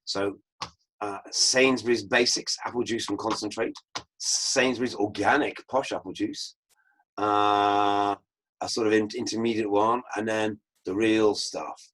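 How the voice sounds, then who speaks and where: A man teaching an online permaculture course, talking over slides in an unhurried, anecdotal way. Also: fairly low pitch, fairly even intonation, a bit bright, poor audio.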